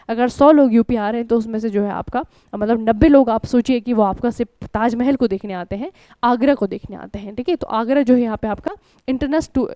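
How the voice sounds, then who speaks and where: A woman's voice: on the high side, warm tone, no room sound. An Indian woman teaching an online exam-prep lesson in a conversational way, often checking in with her students. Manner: conversational, keeps asking "ठीक है?" and addressing students as children. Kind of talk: online current-affairs lesson.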